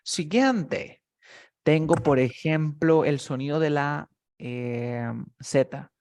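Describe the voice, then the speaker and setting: A man with a slightly raised voice teaches English pronunciation on a video call, speaking through a computer mic. He explains patiently in Spanish, models each sound slowly and keeps checking that his student follows. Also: fairly high pitch, a little mellow. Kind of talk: online one-on-one English lesson.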